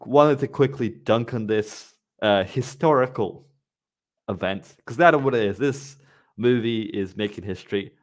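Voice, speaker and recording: Low-voiced male podcast host. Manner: rambling, with many restarts and quick laughs. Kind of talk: casual live-stream chat.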